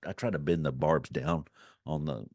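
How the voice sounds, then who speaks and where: A man's voice: a bass voice, normal speed, no echo, studio quality. A man giving informal, unscripted instruction in a folksy, rambling way, circling back to repeat his points. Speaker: fly-fishing instructor.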